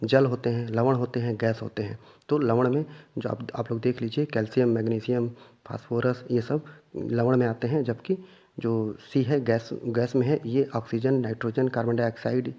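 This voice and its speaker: A man with a mellow, medium-pitched voice and fairly even intonation talks at normal speed on a lo-fi recording. Leading a revision session for an exam, he asks questions, supplies the answers, and keeps hammering home the main points.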